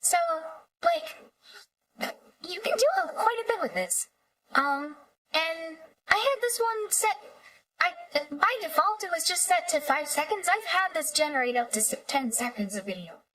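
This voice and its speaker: A voice-changed, very high woman's voice from an AI voice changer, lively and excitable. She chats casually on stream and explains tech as she goes. The sound is dry and sits a little away from the mic. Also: normal speed, dry recording, recorded from a distance, poor audio. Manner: excitable, chatty, techy explanations. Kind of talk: casual live-stream chat.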